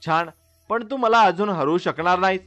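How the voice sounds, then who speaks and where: A man's voice: normal speed, a bit bright, distant mic. A man voicing a roaring giant demon lord. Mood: taunting. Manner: booming threats, roaring. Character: huge menacing male demon lord.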